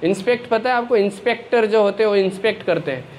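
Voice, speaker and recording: High-voiced man telling a lively sermon. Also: fast, a little hiss or hum. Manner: animated, asks audience questions, acts out story characters. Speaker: preacher. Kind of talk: sermon with storytelling.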